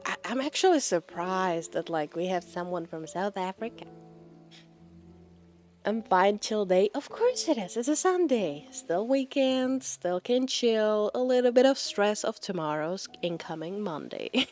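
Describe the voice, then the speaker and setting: Slow-talking woman streamer. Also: medium pitch, animated, a little mellow, soft background music. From Czech Republic. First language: Czech. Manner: rambling, laughs often. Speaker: VTuber streamer. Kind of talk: casual chat with live chat.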